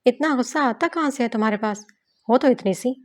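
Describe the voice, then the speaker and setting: A woman's voice: fairly high pitch, darkish tone, pitched above the performer's own voice, natural voice. A woman voicing a playful, teasing young husband while reading a novel aloud.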